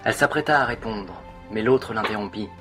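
A man narrating a dramatic fan story in an expressive, theatrical way. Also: lowish voice, brisk, music in the background.

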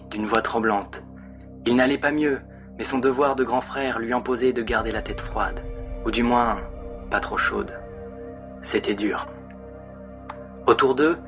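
A man narrating a dramatic fan story in an expressive, theatrical way. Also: mid-range voice.

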